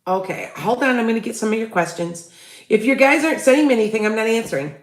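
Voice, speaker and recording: Fast-talking and expressive, she has a fairly high voice that sounds reverberant. This Chicago-accented psychic from the Midwest hosts a casual livestream, rambling through restarts and asking viewers for tips.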